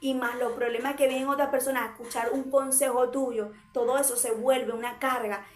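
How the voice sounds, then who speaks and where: A woman's voice: high voice, fairly even intonation, a little fast, reverberant, soft background music. A woman preaching a sermon, hammering her point home in short, repeated parallel phrases.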